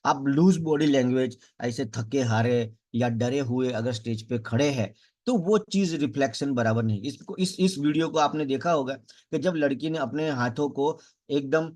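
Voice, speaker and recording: A man teaching public speaking as an emphatic coach, demonstrating rises, falls and pauses in speech. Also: darkish tone. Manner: emphatic teacher, varies pace and pitch to show speech rhythm. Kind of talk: spoken tutorial lesson.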